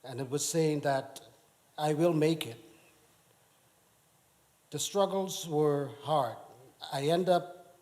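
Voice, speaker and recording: A middle-aged man from the Bahamas giving a personal testimony in church, speaking haltingly with many restarts. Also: on the high side, darkish tone. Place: church sanctuary.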